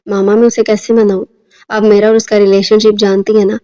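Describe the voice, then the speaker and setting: A woman's voice: mid-range voice, little pitch movement, warm tone, big-room sound, lightly acted. Woman reading a defiant young daughter. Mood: indignant. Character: headstrong, indignant young daughter.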